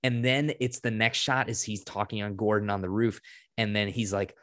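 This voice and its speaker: A man co-hosting a podcast, excitedly retelling a movie scene by scene in run-on sentences, swearing freely. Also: lowish voice, normal speed, no echo, studio quality. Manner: excited, profane scene-by-scene recap; breathless run-on storytelling. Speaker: podcast co-host. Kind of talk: casual movie review chat.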